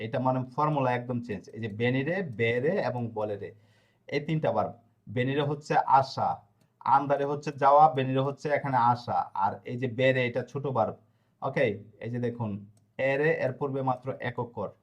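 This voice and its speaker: A man teaching a language lesson, reciting verb forms slowly and checking in with his listeners along the way. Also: medium pitch, highs cut off. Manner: repeats conjugations slowly, with fillers and checks. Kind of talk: explaining a lesson.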